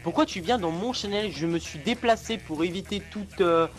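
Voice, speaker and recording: A man's voice: sits high, normal speed, faint music behind. A teenage man on a computer voice chat, indignant, using lofty words in a mocking way. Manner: indignant, mock-lofty wording. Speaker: voice chat participant. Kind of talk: heated casual voice chat. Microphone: computer mic over voice chat.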